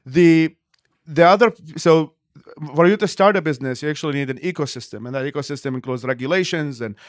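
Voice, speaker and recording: An Iraqi man, a nonprofit leader, is a guest in an interview, speaking fast and at length while reshaping his sentences as he explains. His voice sits on the high side. The recording is close and dry, with no room sound at all.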